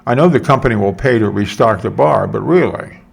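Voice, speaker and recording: A man's voice: fairly low pitch, brisk, gravelly, husky, heavily acted. An older man voicing a concerned male companion who mildly scolds his friend.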